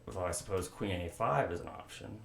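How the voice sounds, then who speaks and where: A man's voice: deep voice, a little fast, creaky, fairly bright tone. A young man in casual chat as a chess show co-host, joking and thinking aloud as he plays. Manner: joking, rambling, thinks aloud about moves. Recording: roomy room, faint noise.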